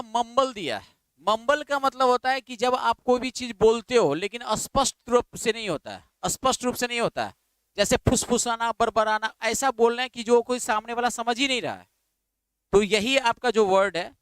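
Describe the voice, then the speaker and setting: A man's voice: extremely high pitch, a bit bright, clear, resonant tone, dry recording. A man teaching English vocabulary in a classroom-style lecture, repeating words and telling students to write them down. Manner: repetitive, drilling, asks students to write words down.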